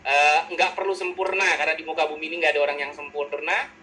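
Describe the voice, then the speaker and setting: A male psychologist giving a lively webinar lecture over a video call, joking and acting out personality types in quick quoted voices. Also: a little high, slight background noise, poor audio.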